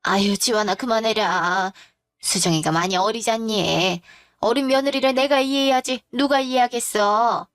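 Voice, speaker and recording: A woman's voice: on the high side, moderate pace, clear, resonant tone, dry recording, clean studio sound, faint music behind, natural voice. A woman voicing a domineering older mother-in-law who scolds her young daughter-in-law with contempt, in a spoken story. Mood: self-pitying.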